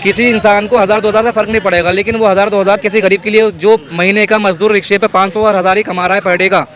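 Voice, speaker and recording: Fast, insistent young man on a busy street. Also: high-pitched, fairly even intonation, fairly bright tone. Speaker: interviewee. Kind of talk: street interview. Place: busy city street outdoors. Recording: noisy street crowd around. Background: crowd and traffic.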